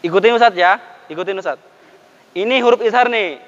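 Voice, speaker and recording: A man with an Indonesian accent teaching Quran recitation to a class, drilling letter sounds slowly and urging the students to repeat after him. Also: high voice, a bit bright, long reverb tail, muffled recording. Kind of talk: classroom tajwid lesson with call-and-response drills.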